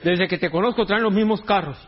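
A man's voice: sits high, brisk, highs cut off. A man preaching a sermon in a joking, conversational way, full of slang. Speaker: pastor.

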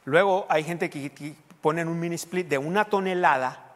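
A man preaching a sermon, talking conversationally and then pushing into loud, emphatic bursts. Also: on the high side, moderate pace, big-room sound. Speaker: pastor.

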